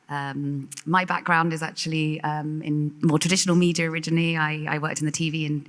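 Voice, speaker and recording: Woman, business development lead, low voice, little pitch movement. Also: fairly bright tone. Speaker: head of business development, panelist. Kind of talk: self-introduction on a panel.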